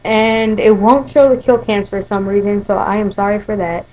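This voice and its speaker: A woman's voice: medium pitch, fairly even intonation, normal speed, muffled recording, a little hiss or hum. A teenage-sounding woman telling a story casually over gameplay, rambling with many fillers and restarts. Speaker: gaming video host.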